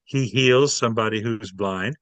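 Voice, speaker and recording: A man's voice: on the low side, normal speed, a bit bright, dry recording. A man, a playwright guest in an interview, telling stories animatedly and acting out his characters. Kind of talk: casual interview storytelling.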